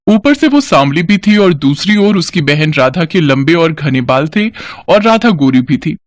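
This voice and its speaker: A man's voice: a little high, dry recording. A man narrating a scripted moral story for a cartoon. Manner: even, storytelling delivery.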